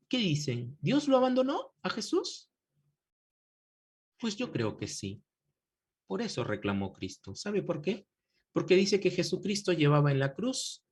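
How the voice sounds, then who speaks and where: A man teaches a church counseling class with a husky, slightly rough voice. He talks in a preacherly way, asking his students questions and calling them brothers. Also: high-pitched. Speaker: Bible course teacher. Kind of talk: pastoral lecture to a class.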